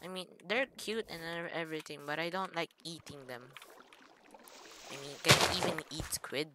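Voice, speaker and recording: A woman's voice: low voice, normal speed, very noisy. A woman hosting a gaming channel, rambling through casual gameplay commentary with self-mocking jokes and stammered restarts. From Philippines.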